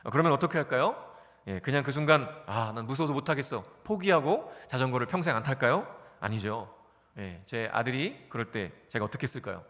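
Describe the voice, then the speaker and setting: A man's voice: medium pitch, a little fast, in a large hall. A male pastor in his forties giving a sermon in a church, asking his listeners questions and answering them himself. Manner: animated, asks the congregation questions and answers them. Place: church sanctuary.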